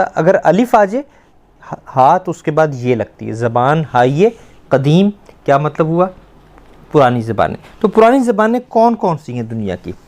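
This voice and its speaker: A man's voice: fairly high pitch, darkish tone. Patient male teacher. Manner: patient, repeats words slowly to drill pronunciation; asks the pupils questions and praises answers. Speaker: Persian teacher. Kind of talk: teaching a class of children.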